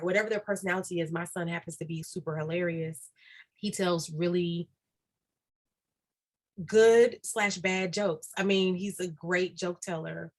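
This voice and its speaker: A woman guest on a podcast interview, talking earnestly and repeating key phrases for emphasis. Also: fairly low pitch. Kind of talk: reflective podcast interview talk.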